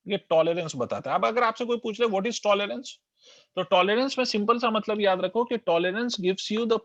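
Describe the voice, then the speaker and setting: A man's voice: sits high, no room sound. A man teaches a physics class in a slightly raised voice, switching between Hindi and English. He keeps quizzing his students and repeating the key terms. The recording is dull and lo-fi, with a dry, close sound.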